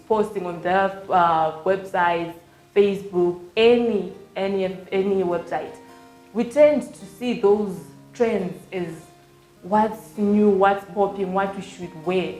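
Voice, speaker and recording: A young woman, a panel guest earnestly explaining her view with some fillers. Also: lowish voice. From Zimbabwe. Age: late teens. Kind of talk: panel discussion. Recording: roomy echo.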